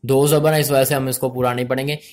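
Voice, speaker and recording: A man teaching Quran reading, slowly spelling out letters and vowel marks, then blending the syllables in a measured, drawn-out way. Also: medium pitch, flat delivery. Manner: addresses learners as friends. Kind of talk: spelling-out recitation lesson.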